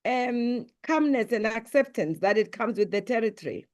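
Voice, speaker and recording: Speaking as a business executive in an interview, a middle-aged South African woman whose first language is Sepedi stays measured and composed. Her voice sits on the high side, animated, with a darkish tone.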